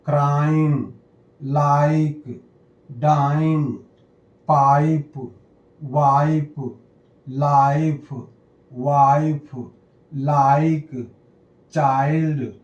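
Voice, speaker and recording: Male teacher, higher-pitched, mellow tone, very slow and deliberate delivery, echoey room. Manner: slow, deliberate, reads out word lists one by one. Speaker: English teacher. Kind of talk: pronunciation lesson.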